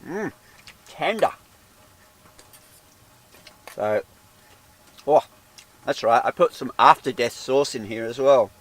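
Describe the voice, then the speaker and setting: Speaking in a mid-range, fairly bright voice, this man takes his time and leaves long pauses. He's an outdoor vlogger doing casual solo commentary, talking to the camera in a small tent heated by a wood stove. He rambles and tosses in self-deprecating asides.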